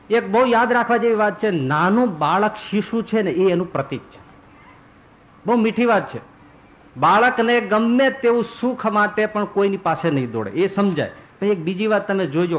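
Animated man preaching a devotional sermon. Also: high voice, poor audio. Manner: animated storyteller who voices characters.

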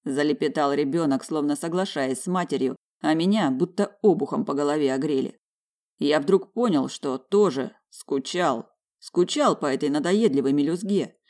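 A man's voice: on the high side, a little mellow. A man narrating a first-person audiobook in a wry, inward way, grumbling in the dialogue.

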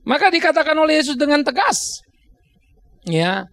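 Pastor guy, middle-aged, high gravelly voice, chatty sermon with little laughs, dry close sound. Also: sing-song, normal speed, fairly bright tone, no room sound. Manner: conversational preaching, laughs at own stories. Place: church.

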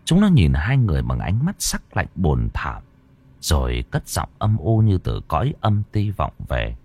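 A man narrating a horror story in a slow, dramatic, ominous manner. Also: deep voice, huge pitch swings, a little mellow, breathy edge.

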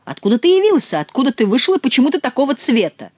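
A woman's voice: high-pitched, big pitch swings, quick pace, a little mellow, husky, dry recording, muffled recording, pitched above the performer's own voice, full character voice. A woman voicing a hot-tempered male French king who barks out questions and exclamations in an audiobook. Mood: astonished. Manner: commanding, exclaiming.

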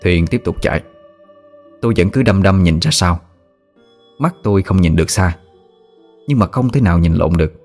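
Deep-voiced man telling a ghost story. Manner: steady, measured telling that turns frantic in quoted outbursts. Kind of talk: first-person ghost story narration. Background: faint music.

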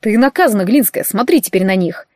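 A woman's voice: mid-range voice, expressive, brisk, a little mellow, no echo, studio quality, lightly acted. A woman reading the lines of a cocky, teasing young man who jokes smugly. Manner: teasing, joking, smug.

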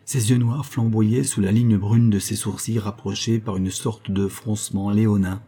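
A male audiobook narrator reads a classic novel in a measured, even way. His voice is low and dark in tone, with a husky grain.

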